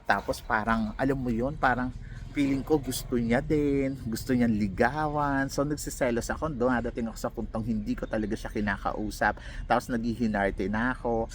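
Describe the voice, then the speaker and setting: A man casually telling a personal story as a vlogger, animated and laughing often as he acts out what others said. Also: mid-range voice, normal speed, slight background noise.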